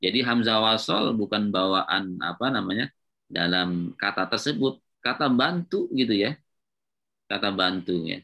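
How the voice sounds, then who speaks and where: Bright-toned male Arabic grammar teacher. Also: lowish voice, animated, a little slow, creaky. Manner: patient, repetitive, checks with students often. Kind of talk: classroom lecture at a whiteboard.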